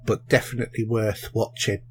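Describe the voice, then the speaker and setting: This podcast co-host has a fairly low, darkish voice, a flat delivery, and a slightly fast pace. He chats casually about films and shows, rambling with plenty of fillers and restarts.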